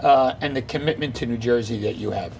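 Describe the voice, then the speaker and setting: A man's voice: mid-range voice, fairly quick, vocal fry, darkish tone, slight background noise. A man who is a mayor hosting a local TV show, reading announcements and chatting with guests in a friendly, joking way.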